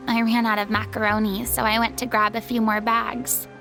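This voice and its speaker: An actress voicing a haughty, dramatic retired stage diva in a video game, with theatrical, formal delivery. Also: female voice, fairly high pitch, level tone, moderate pace, bright, forceful tone. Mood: haughty, chatty. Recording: background music under clean studio dialogue.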